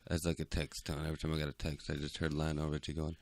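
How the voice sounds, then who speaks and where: A man's voice: a bass voice, monotone, fast talker, a little mellow. A young man co-hosting a casual podcast, laid-back and rambling, with a close mic and headphones on. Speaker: podcast co-host. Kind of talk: casual chat.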